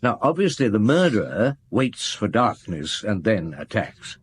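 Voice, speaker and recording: Inspector Maigret, husky, thoughtful detective. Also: male voice, lowish voice, big pitch swings, full character voice. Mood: methodical, explanatory. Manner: measured, deliberate, explanatory. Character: middle-aged male French police chief inspector, methodical and thoughtful. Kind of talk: naturalistic radio drama acting.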